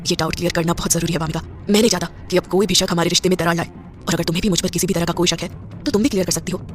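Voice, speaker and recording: A woman voicing a composed, proud young businessman in a spoken audio story, in a slightly lower, quieter voice. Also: animated, very fast, slight background noise, close to an everyday voice. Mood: thoughtful.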